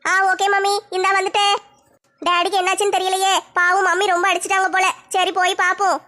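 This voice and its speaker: Naive small child, squeaky and bright, voiced by a woman. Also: flat delivery, a little fast. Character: naive child talking to mother.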